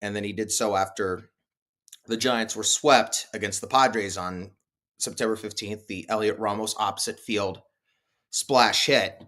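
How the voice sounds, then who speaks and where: A man hosting a solo postgame baseball show, talking animatedly with big swings in pitch and loudness and small self-deprecating laughs. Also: steady tone, a little slow. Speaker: sports podcast host.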